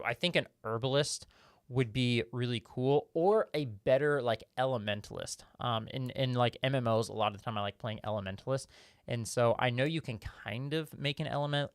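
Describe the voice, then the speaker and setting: A man's voice: mid-range voice, clear, resonant tone, dry recording, clean studio sound. A man hosting a casual live-stream Q&A, reading viewer questions and rambling through his answers with lots of fillers and restarts.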